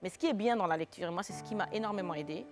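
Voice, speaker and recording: A woman actress with an Ivorian French accent, telling her story in an animated, expressive way on a TV interview. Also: mid-range voice, racing. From Côte d'Ivoire. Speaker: actress guest. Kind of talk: casual TV interview. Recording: background music under the talk.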